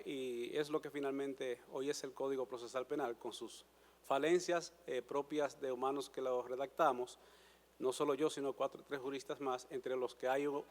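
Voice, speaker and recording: A lawyer in his sixties, from the Dominican Republic and speaking with a Dominican Spanish accent, gives a formal presentation to a panel as he applies before a judicial council. His mid-range voice is measured but hesitant, with frequent fillers, restarts and many pauses. The recording carries hall reverb.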